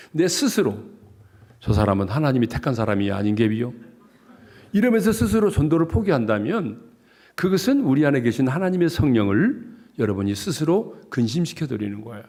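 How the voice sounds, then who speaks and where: A man from South Jeolla, Korea, preaching a revival sermon as pastor in a joking, animated way. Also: fairly high pitch.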